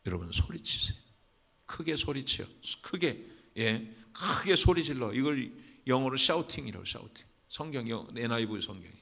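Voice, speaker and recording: A man's voice: mid-range voice, expressive, normal speed, creaky, a bit bright. A man preaching a sermon as senior pastor, speaking emphatically and dramatically and addressing the congregation directly.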